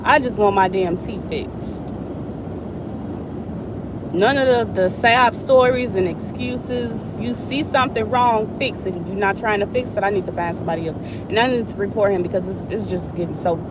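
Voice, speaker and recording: A woman's voice: mid-range voice, normal speed. Frustrated woman venting in a noisy car. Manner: frustrated, blunt, swears freely. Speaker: vlogger. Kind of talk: casual venting vlog.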